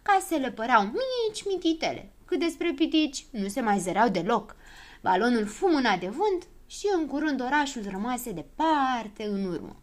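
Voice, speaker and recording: A woman narrating a children's storybook in an expressive, lively way. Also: sits high.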